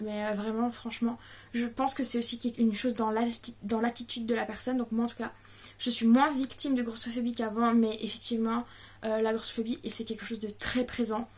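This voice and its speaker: A woman's voice: fairly high pitch, a little mellow. A young woman in her late teens answering viewer questions in a casual vlog, hesitant and stammering with many fillers, audibly nervous. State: nervous, stressed.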